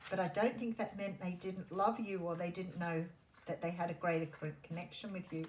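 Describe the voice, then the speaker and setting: Low-pitched woman giving a mystical tarot reading. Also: fairly even intonation. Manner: intuitive, musing, pausing as cards are turned. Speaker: tarot reader. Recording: roomy echo, faint background noise.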